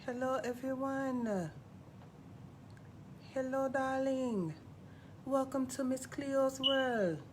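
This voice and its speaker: A woman playing a sassy, glamorous TV psychic who hosts a live call-in stream in a campy, drawn-out manner. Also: high voice. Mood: sassy, welcoming. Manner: campy, drawn-out, calls everyone darling. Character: sassy glamorous female TV psychic hotline host. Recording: noisy live stream audio.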